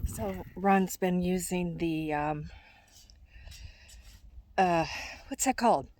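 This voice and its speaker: An older woman chatting casually on a vlog, short of breath in thin high-altitude air and halting as she searches for words. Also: background noise. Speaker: vlogger. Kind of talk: casual rambling vlog chat.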